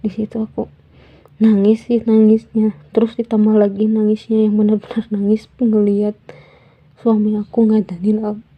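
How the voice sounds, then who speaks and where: A woman tells a personal story in a soft, halting voice that often drops near a whisper, sounding tearful. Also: medium pitch, completely flat delivery, husky, lo-fi sound. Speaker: vlogger.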